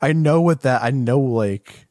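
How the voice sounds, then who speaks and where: A man's voice: medium pitch, measured pace, darkish tone, dry recording, clean studio sound. A man co-hosting a podcast, chatting casually about films, laughing often and swearing freely. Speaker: podcast co-host. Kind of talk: casual film review chat.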